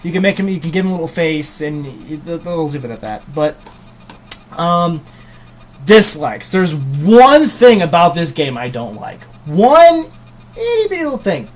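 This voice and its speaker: A man's voice: on the high side, expressive, normal speed, a little hiss or hum. A man reviewing a video game in casual chat, rambling with many hesitations and casual swearing.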